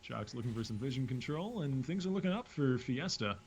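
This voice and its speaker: A man casting an esports match, giving quick play-by-play with wry jokes. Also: mid-range voice, expressive, darkish tone. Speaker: esports caster. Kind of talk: play-by-play commentary.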